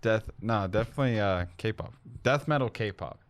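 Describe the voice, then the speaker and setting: A man's voice: lowish voice, moderate pace. A man hosting a casual movie review podcast, rambling and self-correcting with lots of fillers. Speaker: podcast host.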